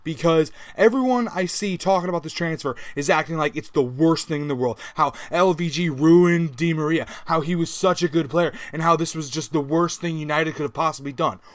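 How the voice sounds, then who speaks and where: A fired-up man with a fairly high voice rants about his football club, swearing and slipping into sarcastic mock voices. The sound is dry and close, with no room around it. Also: a little fast, hardly any pauses, dry recording. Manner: angry, profane, sarcastic mock quotes. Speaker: football vlogger. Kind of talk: ranting vlog.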